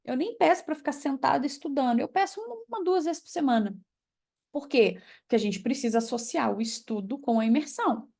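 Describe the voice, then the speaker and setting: A young Brazilian woman with a Brazilian Portuguese accent, coaching environmental professionals on learning English, lively and emphatic as she works through examples. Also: high-pitched, a little fast, gravelly. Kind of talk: online class or mentoring talk.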